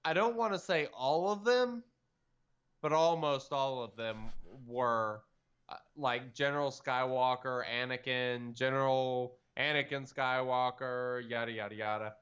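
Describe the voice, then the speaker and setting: A man co-hosting a podcast in relaxed chat, wandering through his points with plenty of ums and uhs. His voice is smooth and clean. The recording sounds dull and lo-fi. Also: medium pitch, a little slow. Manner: rambling, lots of fillers and trailing off. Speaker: podcast co-host. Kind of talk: casual chat.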